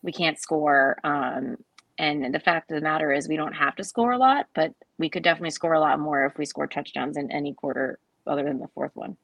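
Female co-host, very low gravelly voice, steady frustrated analysis, dry sound. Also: fairly quick, no room sound. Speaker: podcast co-host. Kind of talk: casual sports chat.

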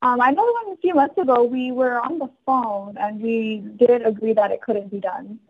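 A woman's voice: on the high side, normal speed. A woman answering a business call over the phone, polite and matter-of-fact but firm. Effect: heard over the phone. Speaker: helicopter company staffer answering a call. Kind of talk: phone conversation. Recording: dull, muffled phone line.

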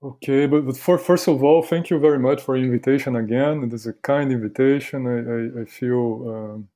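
A man with a Carioca Brazilian accent speaks as a podcast guest in a mellow, relaxed voice at a middling pitch. His English is halting and courteous, with words often repeated as he chats. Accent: Carioca Brazilian Portuguese. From Rio de Janeiro, Brazil. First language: Brazilian Portuguese. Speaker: podcast guest, university academic. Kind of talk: casual interview conversation.

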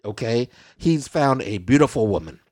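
At medium pitch and normal speed, a male podcast host speaks in a sing-song, slightly mellow voice, captured dry in clean studio sound. He theatrically rants through casual comedic banter, repeatedly dropping "okay?" and "I digress."

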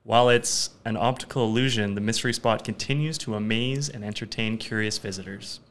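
A man's voice: fairly low pitch, brisk, a bit bright. A man co-hosting a podcast with dry, teasing humor, also reading a fun fact. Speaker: podcast co-host. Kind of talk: casual podcast chat.

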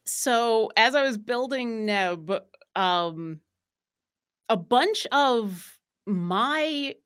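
A woman from New York State chatting casually as a podcast guest, often pausing with fillers and restarting her sentences. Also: a little high, lively intonation, fairly bright tone, smooth. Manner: hesitant, many fillers and restarts. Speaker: podcast guest, tabletop game player. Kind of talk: casual chat.

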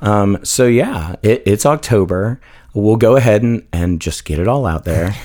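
A man with a hoarse, scratchy voice, co-hosting a casual podcast chat and rambling with plenty of fillers. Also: on the low side, normal speed. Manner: relaxed, rambling with many fillers. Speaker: podcast co-host.

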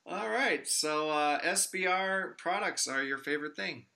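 A man's voice: fairly high pitch, a little slow, vocal fry, bright, forceful tone. An American man chatting casually as a podcast host, in a jokey manner. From Chicago, United States. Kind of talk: casual chat.

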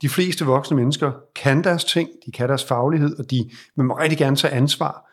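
A man with a husky, slightly rough voice talks through leadership advice in a podcast interview. He is reflective and thinks aloud, circling back and restarting his sentences as he builds his point. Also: medium pitch. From Denmark. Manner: reflective, explains at length with restarts. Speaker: leadership advisor.

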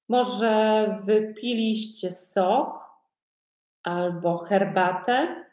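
Woman teacher, very slow deliberate speech, repeats easy questions, echoey room. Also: mid-range voice, a little mellow. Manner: asks learners many simple repeated questions. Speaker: Polish language teacher. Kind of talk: slow repetitive language lesson.

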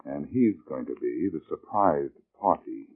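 An actor playing a tough, wisecracking detective in a 1940s radio drama, heard as an old radio broadcast. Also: male voice, a bass voice, animated, measured pace, vocal fry, phone-quality sound, noisy background, exaggerated voice. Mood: tense. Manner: wry, cocky banter. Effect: old radio broadcast sound.

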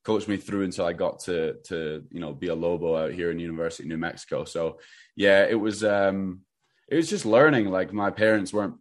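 Deep-voiced young Scottish man. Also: a little fast. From Scotland. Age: 20s. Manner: relaxed, rambling with many restarts. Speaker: interview guest, runner. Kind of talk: casual interview.

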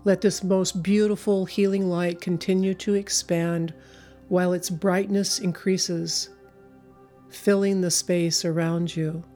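A woman leading a guided meditation in a slow, soothing, hypnotic way, with long pauses between phrases. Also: lowish voice, flat delivery, dark tone, faint music behind. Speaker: spiritual speaker and meditation leader.

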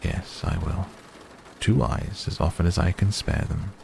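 A man voicing a grave old wizard in a story reading, watchful and quietly commanding, measured and thoughtful, on a noisy recording. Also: low voice, steady tone, gravelly, full character voice.

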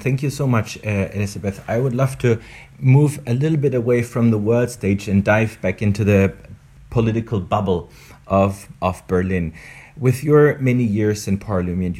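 Lower-pitched male interviewer. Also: moderate pace, mellow. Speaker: interviewer, host. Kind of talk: moderated political interview.

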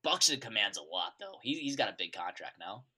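A man's voice: lowish voice, very animated, fairly quick, pushed and bright, husky. A man co-hosting a casual sports podcast, teasing his partner and giving loose, opinionated takes. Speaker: podcast co-host.

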